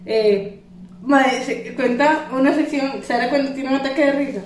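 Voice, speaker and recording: A woman's voice: high voice, moderate pace. A woman co-hosting a casual chat, joking, giggling and trailing off into fillers. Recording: roomy, distant mic with faint noise.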